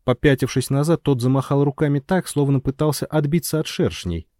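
A man narrating a novel in the first person as an expressive audiobook storyteller. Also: mid-range voice, brisk, dry recording, studio quality.

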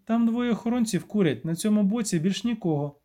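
A male reader voicing a brisk, urgent young woman who heads a lab, speaking in clipped lines in an audiobook. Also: high voice, expressive, mellow, voice pushed up.

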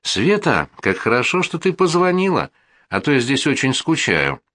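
A man doing a ringing, excited schoolgirl. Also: mid-range voice, moderate pace, pitched above the performer's own voice. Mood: overjoyed. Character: young schoolgirl, eager and chatty.

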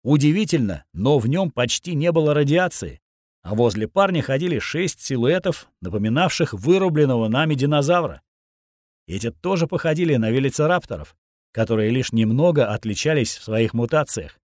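A man narrating a first-person action audiobook in a steady, grim storytelling voice, recorded on a close studio mic. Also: medium pitch, brisk, no room sound.

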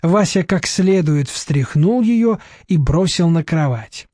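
Male audiobook narrator, even storyteller, high mellow voice, dry booth. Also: slow pace, no room sound. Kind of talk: scripted narration.

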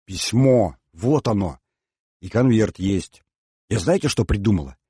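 A man reading an audiobook voices a brisk, bossy teenage girl who leads her friends. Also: fairly low pitch, expressive, mellow, breathy edge, no echo, studio quality, heavily acted. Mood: eager. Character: eager teenage girl, the group's ringleader.

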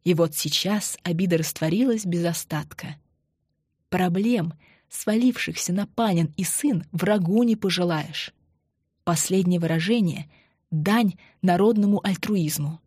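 A woman narrating an audiobook in a measured, matter-of-fact way. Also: fairly low pitch, darkish tone, husky, no echo, clean studio sound. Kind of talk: scripted narration.

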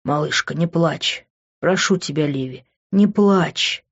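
A woman voicing a brusque young man who turns to low, hushed pleading. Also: slow, breathy edge, dull audio, heavily acted. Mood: tender. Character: young man, brusque lover turned tender.

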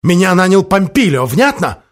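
A man's voice: high-pitched, very animated, moderate pace, voice pushed up. A flustered young alchemist, played by a male narrator, pushing back nervously against strange accusations. His voice is raised and a little tight as he defends himself. He sounds out of his depth but stubborn. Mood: indignant.

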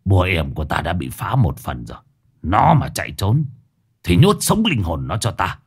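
A man voicing a scheming old male sorcerer who gives low, hushed orders in a storybook reading. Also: big pitch swings, moderate pace, slightly rough, heavily acted. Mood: grim.

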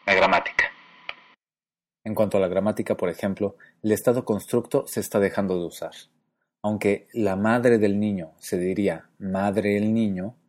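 A man with a fairly low voice narrates a scripted lesson. His delivery is measured and explanatory. He slows down deliberately to pronounce each example word. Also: darkish tone. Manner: measured and explanatory, slowing to spell out example words. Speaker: language lecturer.

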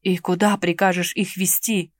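A woman's voice: fairly low pitch, level tone, normal speed, no room sound, studio quality, natural voice. A woman voicing a stern, irritable male inquisitor in an audiobook, with a curt, ironic and commanding delivery. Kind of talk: audiobook character reading.

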